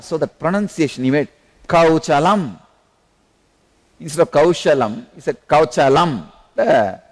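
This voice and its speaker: A man's voice: fairly high pitch, darkish tone. South Indian man telling a spiritual story. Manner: laughs while telling stories, slow deliberate phrasing. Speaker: spiritual teacher. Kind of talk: storytelling discourse.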